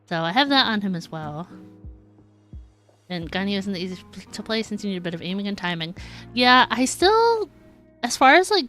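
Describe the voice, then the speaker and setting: Chatting casually with viewers during a gaming livestream, this woman has a mid-range, slightly bright voice. Her manner is easygoing and giggly.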